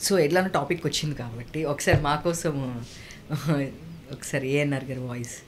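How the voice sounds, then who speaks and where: A woman interviewing a guest, asking questions in a relaxed way and mixing English words into her talk. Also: sits low, normal speed, slight background noise.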